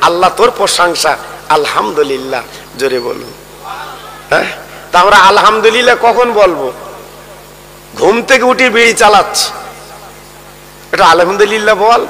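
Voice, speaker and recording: High, bright-voiced man preaching in a hall. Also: slight background noise. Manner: sing-song preaching, rising into high wailing appeals. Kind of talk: Bengali waz sermon with storytelling.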